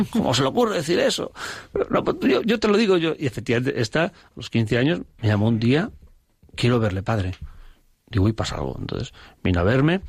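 Middle-aged male priest, low pitch, dry close sound, thoughtful storyteller. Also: no echo. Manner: reflective, lively with quoted dialogue. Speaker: parish priest. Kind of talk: conversational storytelling.

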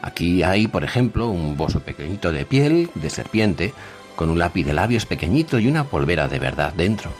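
A man's voice: deep voice, moderate pace, soft background music. A man voicing a cold, persuasive, insistent grey salesman in a storybook reading. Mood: insistent selling. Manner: monotone, insistent.

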